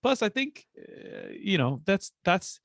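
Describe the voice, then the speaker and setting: A man's voice: sits high, big pitch swings, takes it slowly, a bit bright, dry recording. A man joining a casual TV review chat, wry and explanatory, making his points with dry humor. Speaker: co-host guest.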